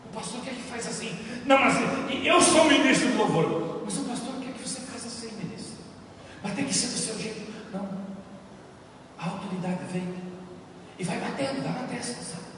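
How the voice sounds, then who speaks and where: A man's voice: extremely high pitch, a little fast, pauses often, recorded from a distance, noisy background. A male Brazilian pastor preaching a sermon with impassioned, rising delivery, in a church hall. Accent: Brazilian Portuguese. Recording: echoey church hall from afar.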